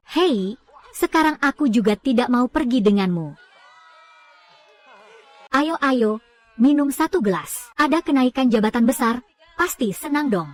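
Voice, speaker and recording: A woman with a high, light voice reads a film's dialogue aloud for a recap. She speaks every character's lines in the same steady voice and does not switch voices between them. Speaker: film recap narrator.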